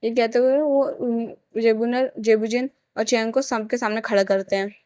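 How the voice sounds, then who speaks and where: A woman's voice: fairly high pitch, steady tone, moderate pace, darkish tone, clean tone, no room sound. A woman casually retelling a romance fan story, talking plainly and often restarting her sentences.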